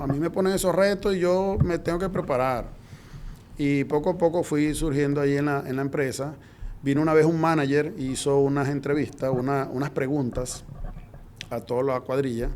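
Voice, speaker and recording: A middle-aged man from Venezuela, a guest in an interview, telling his story in a lively way and acting out the dialogue. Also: a little high, slight background noise. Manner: lively anecdotal, acts out quoted dialogue.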